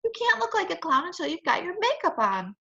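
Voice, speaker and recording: A woman's voice: very high voice, sing-song, a little fast, gravelly, lo-fi sound, voice pushed up, heavily acted. Woman doing a cheerful, fond storybook mother. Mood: amused. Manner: warm, fond, scolding at times. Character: cheerful patient mother of a young girl.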